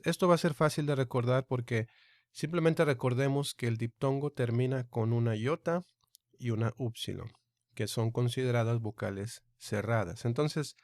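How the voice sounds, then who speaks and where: A man teaching a recorded online Greek lesson, speaking slowly and deliberately and repeating each sound aloud. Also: mid-range voice, darkish tone, no echo, studio quality.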